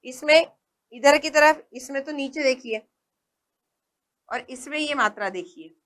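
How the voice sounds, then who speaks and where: A woman teaching small children at a very unhurried pace. Her voice sits a little high, and she says each word slowly and often more than once, pausing to check that the class is following. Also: fairly bright tone. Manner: patient, repeats words slowly and checks in with "है ना". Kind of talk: slow primary-school lesson.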